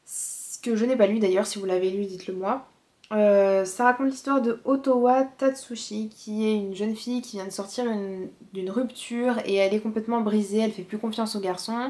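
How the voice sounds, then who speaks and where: A young woman talks casually to her viewers about books she wants to read. Her delivery is relaxed and chatty, full of small hesitations and fillers, at a middling pitch. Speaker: manga vlogger. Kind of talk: casual book review chat.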